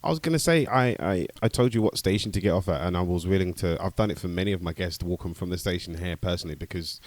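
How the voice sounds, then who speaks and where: A man's voice: low-pitched, fast, a little mellow, no room sound. A man hosting a talk show in a studio, chatting casually and rambling a bit with his guest. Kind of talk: casual interview chat.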